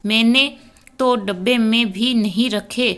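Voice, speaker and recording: A woman's voice: on the high side, takes it slowly, fairly bright tone. A woman voicing a polite, anxious young daughter-in-law in a storybook reading.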